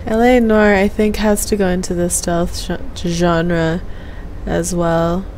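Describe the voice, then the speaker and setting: A woman's voice: on the low side, level tone, takes it slowly, darkish tone, slight background noise, rough recording. A young woman chatting casually on a game stream in a hesitant, meandering way, half muttering to herself into a headset mic. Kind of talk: casual rambling stream chat. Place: small room at home, indoors. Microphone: gaming headset mic.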